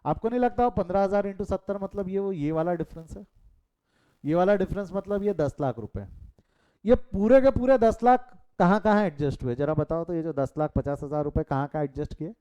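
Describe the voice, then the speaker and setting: A middle-aged man with an Indian accent leads a live online class in a mellow voice that sits a bit high. He switches between Hindi and English, throws questions at his students and drifts into chatty side stories. He is recorded close on a call mic. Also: a little fast, clean tone. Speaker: commerce teacher.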